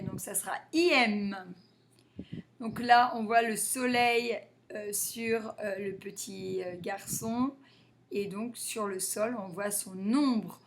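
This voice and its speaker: A woman teaching a phonics lesson to young children, sounding out letters and syllables slowly and carefully. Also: mid-range voice, a bit bright.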